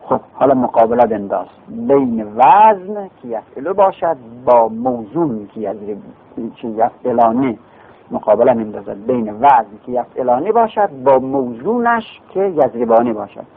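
A man's voice: mid-range voice, expressive, slightly rough. A man giving a step-by-step Arabic grammar lesson in Persian, asking questions and answering them himself. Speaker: teacher. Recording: muffled phone-like recording.

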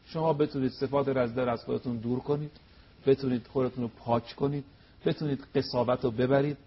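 A man's voice: medium pitch, steady tone, husky, muffled recording. A man preaching on a religious TV program, emphatic and full of rhetorical questions. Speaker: cleric guest on religious TV program.

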